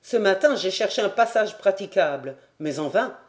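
An audiobook reader voicing a male quartermaster guide who speaks in a firm, calm and assured way. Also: medium pitch, moderate pace, lightly acted. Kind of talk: audiobook character voice.

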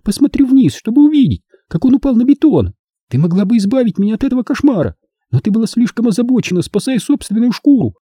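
A breaking, childish voice of a fragile young woman, lent to her by a man reading aloud. She sounds small and hurt, pleading and reproachful. Her voice sits very high and swings widely, over a dark, husky tone. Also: very animated, fast talker, no echo, studio quality, exaggerated voice. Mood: plaintive. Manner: plaintive, reproachful.

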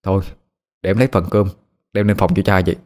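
A man's voice: low voice, little pitch movement, fast, darkish tone, close to an everyday voice. A man voicing an anxious young man, a protective brother who pleads and cries out in fear in a ghost story. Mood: uneasy. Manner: tense and pleading, cries out in panic.

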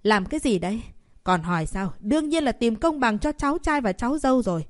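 A woman's voice: moderate pace, lightly acted. A woman voicing a proud old grandmother in an audiobook, scolding her grandson in a raised voice. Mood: furious scolding. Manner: scolding, shrill and loud. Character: furious old grandmother, proud family matriarch.

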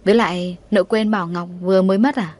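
A woman's voice: mid-range voice, fairly even intonation, fast talker, close to an everyday voice. A woman reading the lines of a stern, determined young husband from a wealthy family in an audiobook. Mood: persuasive. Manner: firm, quietly determined.

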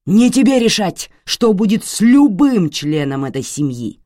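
A woman reading an audiobook, voicing a violent, enraged middle-aged father who roars threats. The speech is dry and close, with wide swings in pitch. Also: sing-song, a little slow, dark tone, no room sound. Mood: furious shouting. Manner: roaring, threatening.

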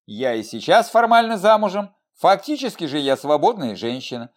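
A defiant young woman rebel speaks in a raised, lively voice, bold and mocking, as a male reader puts her on. She sounds brash and provocative, the way a storybook heroine who scorns convention would. The delivery swings up and down with energy. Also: a little high, moderate pace, pitched above the performer's own voice.

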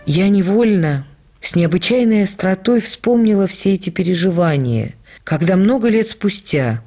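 This actress has a natural, lowish voice and plays a thoughtful woman recalling her years with her late husband. Her memoir reading for radio is measured, expressive, and literary.

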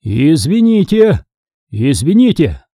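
A man voicing an eager, careless middle-aged father in an audiobook, talking excitedly and defensively. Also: a little high, takes it slowly, no echo, clean studio sound, voice pushed up, full character voice. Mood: flustered.

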